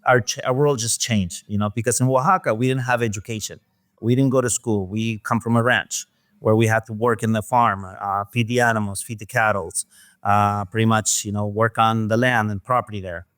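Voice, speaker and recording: A man from Mexico, a guest in an interview, talking in a soft, hesitant way with many fillers. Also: lowish voice, steady tone, normal speed, no room sound. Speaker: guest, restaurant owner. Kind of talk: casual interview talk.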